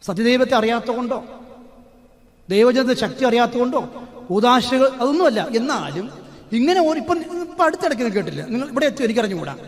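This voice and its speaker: A male priest giving a sermon in a storytelling way, with sudden loud, emphatic outbursts. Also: very high voice, animated, fast talker. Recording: long hall reverb.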